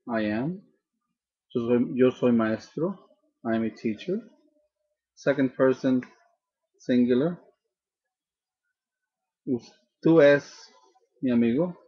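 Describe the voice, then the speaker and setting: A man teaching a grammar lesson slowly and patiently, often repeating and restarting his phrases. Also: mid-range voice, breathy edge. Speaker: language teacher. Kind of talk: slow, deliberate grammar lesson. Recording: dull lo-fi recording.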